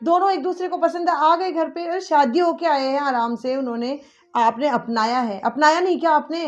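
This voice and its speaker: A woman's voice: sits high, moderate pace, lightly acted. A woman playing a grown daughter who insistently lectures her mother in a family drama. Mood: exasperated. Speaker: daughter on the phone. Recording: dull lo-fi audio with faint music.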